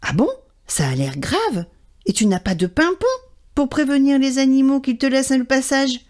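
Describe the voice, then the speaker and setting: A woman voicing a helpful, chatty female magpie in a children's storybook reading, lively. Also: high-pitched, normal speed, pitched above the performer's own voice. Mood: urgent.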